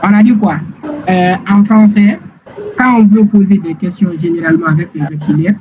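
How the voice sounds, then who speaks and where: A man teaching English grammar in a slow, repetitive classroom style, often checking whether listeners follow. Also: high-pitched, fairly even intonation. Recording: dull lo-fi sound with clear background noise.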